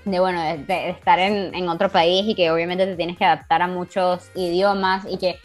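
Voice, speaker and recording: A woman's voice: lowish voice, level tone, moderate pace, faint music behind. A young Venezuelan woman co-hosting a podcast, chatting casually, teasing her friend and laughing often. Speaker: podcast co-host. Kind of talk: casual chat.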